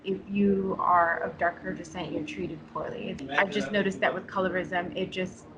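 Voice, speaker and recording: A woman's voice: on the low side, flat delivery, moderate pace, a loud crowd, poor audio. A woman from New York, a guest talking frankly and casually with lots of fillers. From New York, United States. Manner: frank and chatty, many fillers and restarts. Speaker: interview guest. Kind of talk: casual conversation.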